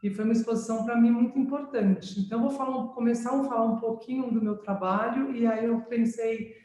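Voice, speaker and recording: Her voice is a little high and mellow, brisk, with fairly even intonation: a visual artist from France, raised in São Paulo, presenting her work informally from her studio. She searches for words thoughtfully and keeps adding tag questions. The video call microphone captures an echoey sound.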